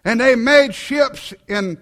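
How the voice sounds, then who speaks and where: Preacher, male, high voice, fervent and halting, breaks into shouts. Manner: preaching with frequent "uh" and "amen", rising to shouts. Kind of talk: fiery sermon.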